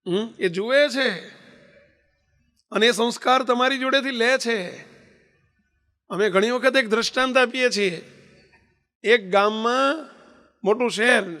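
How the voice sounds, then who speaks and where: A man's voice: extremely high pitch, bright, forceful tone. A man preaching a sermon, telling a folksy parable and acting out the voices of its characters. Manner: folksy storytelling, acting out the old father and grandson. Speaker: swami preacher.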